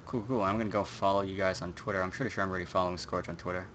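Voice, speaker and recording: A man's voice: low voice, steady tone, rapid-fire, a bit bright, slight background noise. A young man hosting a gaming livestream in casual chat, rambling with many fillers. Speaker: stream host.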